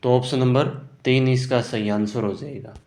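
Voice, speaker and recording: A man's voice: medium pitch, fairly even intonation, moderate pace, darkish tone. A man teaching Hindi grammar for an exam, working through answer options and often checking "ठीक है ना". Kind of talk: exam prep lesson. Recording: roomy echo.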